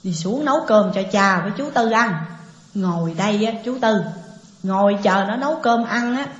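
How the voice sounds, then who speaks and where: A woman's voice: medium pitch, moderate pace, close to an everyday voice. Woman reading a stern old father. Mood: curt. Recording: echoey dull lo-fi recording.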